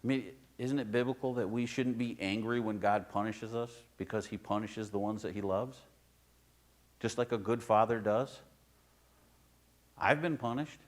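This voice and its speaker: A male pastor giving a sermon in his own church, talking to the congregation like a conversation. He pushes some phrases out loud and high, then drops to near-quiet asides. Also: steady tone, normal speed. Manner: conversational preaching, swings between loud emphasis and quiet asides.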